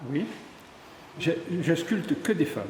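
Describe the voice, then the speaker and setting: A middle-aged sculptor from Ardèche in southern France describes his work in an interview, his voice on the high side, slow and a little mellow, with lively intonation. He's indoors in an exhibition room at a tourist office, where the hall is echoey and reverberant and faint background noise lingers.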